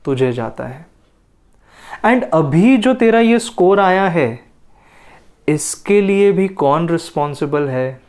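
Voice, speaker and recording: A man, a motivational speaker, telling a personal story in a playful, dramatic way, with mock stammers and sudden leaps in pitch. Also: expressive, slow pace, long pauses, a little mellow.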